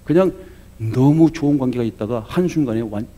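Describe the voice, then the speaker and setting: A male pastor giving a sermon in an animated, conversational storytelling manner, often checking in with the congregation. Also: medium pitch, a little fast, dull audio.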